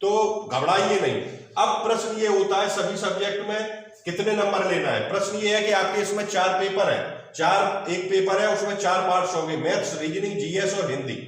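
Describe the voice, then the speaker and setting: Recorded from a distant mic in a very echoey room, a man with a high voice for a man gives an online lesson point by point, like a coaching teacher. He is instructive and reassuring, mixing English terms into his speech at a normal speed with a somewhat bright sound.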